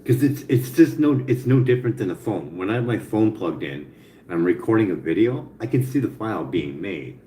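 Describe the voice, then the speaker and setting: A man with a low voice talks casually, circling back over his words and cursing freely. His articulation is softened by missing teeth. The room echoes, with faint noise underneath. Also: expressive, brisk. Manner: rambling, repetitive, profane. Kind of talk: casual spoken brainstorming to an AI chat. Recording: roomy echo, faint background noise.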